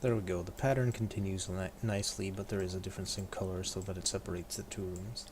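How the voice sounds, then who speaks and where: A man's voice: low voice, fairly even intonation, fast talker. A man hosting a live game stream, chatting casually with viewers and narrating what he does. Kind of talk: casual live gameplay commentary and chat. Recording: clear background noise.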